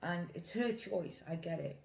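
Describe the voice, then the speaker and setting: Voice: mid-range voice, expressive, unhurried, creaky, darkish tone. A British vlogger talking casually and giving opinions to camera, rambling and repeating phrases for emphasis. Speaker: mukbang vlogger. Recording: echoey room.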